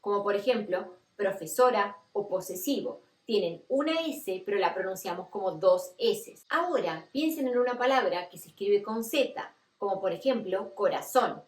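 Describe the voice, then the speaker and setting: A woman's voice: mid-range voice, lively intonation, moderate pace, few pauses. Latin American woman teaching, echoey room. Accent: Latin American Spanish. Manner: clear, patient explaining with repeated examples. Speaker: Spanish teacher. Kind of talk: online language lesson.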